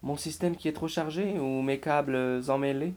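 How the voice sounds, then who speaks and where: A man voicing a gloomy robot in a children's storybook, soft, sighing and listless. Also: a little high, moderate pace, voice pushed up, natural voice. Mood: glum. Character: gloomy, bored robot sitting on the ground.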